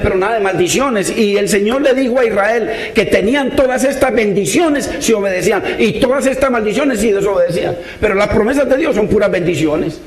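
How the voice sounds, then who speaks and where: A man preaches a sermon in a high voice. He sounds earnest and pleading, and keeps calling out to his brothers in faith. His voice rings around an echoey room. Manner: earnest, pleading, repeats "hermano" often.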